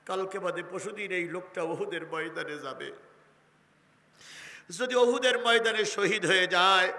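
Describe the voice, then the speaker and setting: Tender old mother, soft sing-song, a male preacher doing her, echoey hall. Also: sits high.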